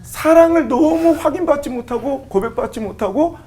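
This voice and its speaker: A middle-aged man from the Chungcheong region, a pastor telling lively, laughing stories and acting out quoted lines on a church talk show. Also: very high voice, moderate pace. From Chungcheong region, South Korea. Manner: animated, laughing storytelling that acts out quoted lines.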